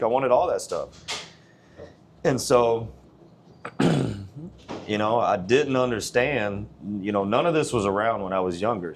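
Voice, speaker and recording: Man, 40s, gym owner as interview guest; lowish voice, blunt and earnest, faint noise behind. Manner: blunt, earnest, plain-spoken. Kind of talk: casual interview conversation.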